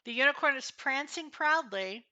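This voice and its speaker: A woman narrating a tabletop fantasy game as game master, improvising haltingly as she thinks aloud. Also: high-pitched, animated, pushed and bright, highs cut off.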